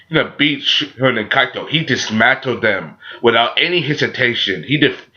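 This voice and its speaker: A man with a sore throat gives a casual, unscripted review as a channel host, halting and often repeating himself with frequent filler phrases. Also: mid-range voice, sharp tone. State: sore throat, a little sick. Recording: dull, muffled lo-fi audio.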